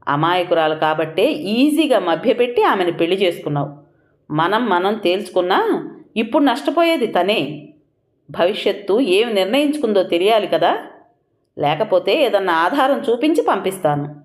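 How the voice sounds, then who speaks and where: A woman voicing a proud, stern wife who fires off sharp, taunting questions in an audiobook reading. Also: mid-range voice, sing-song, normal speed, natural voice. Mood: cold.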